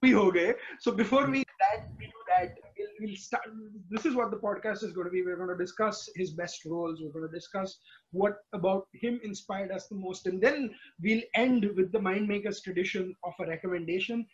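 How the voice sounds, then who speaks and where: A male podcast host with an Indian accent chats casually in a high, husky voice. He speaks haltingly and often doubles back on his words. The audio is dull and lo-fi.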